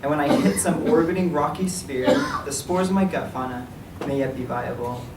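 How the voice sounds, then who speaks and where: A writer reads his own poem, a dramatic monologue in verse, at a public reading in a library room. His somewhat high voice is slow and serious, and he sits far from the mic in a noisy, echoey space.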